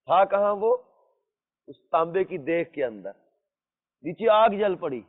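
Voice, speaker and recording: With a high voice and lively intonation, a man teaches a religious storytelling lesson, emphatic and full of repeated phrases and rhetorical questions as he shares moral tales. A long hall reverb surrounds the muffled, lo-fi recording.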